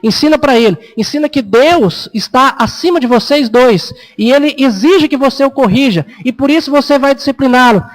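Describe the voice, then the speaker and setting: A man's voice: extremely high pitch, normal speed, few pauses, low-quality recording. A Brazilian man, a pastor, preaching a sermon in a conversational way, acting out parents and children in a raised voice. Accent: Brazilian Portuguese. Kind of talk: expository sermon.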